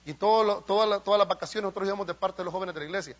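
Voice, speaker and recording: Male pastor, high-voiced, fervent preacher, muffled church recording. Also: racing. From El Salvador. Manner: impassioned, asks the congregation questions. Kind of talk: sermon.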